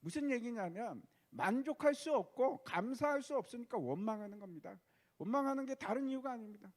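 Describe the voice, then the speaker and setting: Male pastor, high voice, sermon delivery, asks the congregation rhetorical questions. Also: expressive, a little fast, a little mellow.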